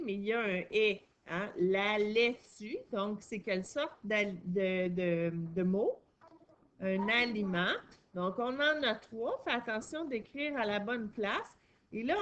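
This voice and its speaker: Woman, Quebec French accent, teacher, unhurried, patient step-by-step lesson for a child, faint background noise. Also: fairly high pitch, highs cut off. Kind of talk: reading and writing lesson for a young child.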